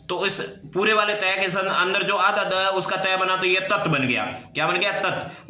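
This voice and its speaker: A man's voice: high voice, bright, forceful tone. A man teaching a grammar lesson word by word, asking questions and answering them himself. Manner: explains word by word, asks and answers his own questions. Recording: echoey room.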